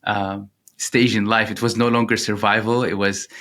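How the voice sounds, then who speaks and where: A man's voice: lowish voice, little pitch movement, moderate pace, fairly bright tone. A man in his thirties from Syria, a startup founder talking in an interview, earnest and reflective with frequent fillers. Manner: earnest, reflective, many "you know" fillers. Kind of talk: interview conversation.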